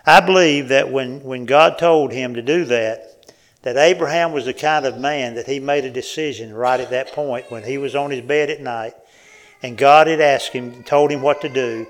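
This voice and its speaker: A man preaching a sermon in a folksy, animated way, often asking the congregation questions. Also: mid-range voice, moderate pace.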